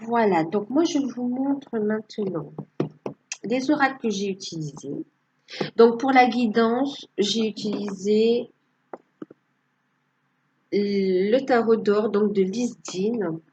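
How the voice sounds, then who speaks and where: A woman's voice: medium pitch, slow, pauses often, highs cut off, noisy background. A woman giving a casual tarot reading to her viewers, hesitant and full of fillers. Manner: hesitant, many fillers, tags with "hein". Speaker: tarot card reader.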